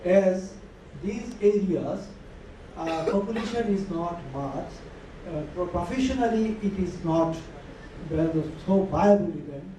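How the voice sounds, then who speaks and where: A man on a conference panel gives remarks in a high-pitched, animated yet slow and warm voice, hesitating often and filling gaps with fillers. The recording comes from a large conference hall, distant and echoey with noise.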